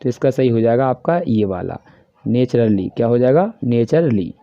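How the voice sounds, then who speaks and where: A man with a Hindi accent teaching a class worksheet, explaining each answer step by step and reading the English questions slowly. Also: mid-range voice, animated, dry recording. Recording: dry, dull lo-fi voice-over.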